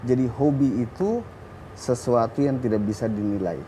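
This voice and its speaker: A man who is a guest on a television talk show, explaining his hobby in a relaxed, plain way and addressing the host politely. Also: mid-range voice, normal speed, a little hiss or hum. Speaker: guest, trail motorbike rider. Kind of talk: studio interview.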